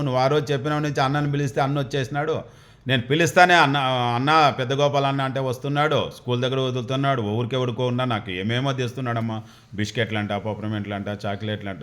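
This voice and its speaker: A man's voice: medium pitch, steady tone, fast, fairly bright tone, lightly acted. A man voicing a frightened young village schoolboy who pleads and sulks as he tells a devotional story. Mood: cheerful.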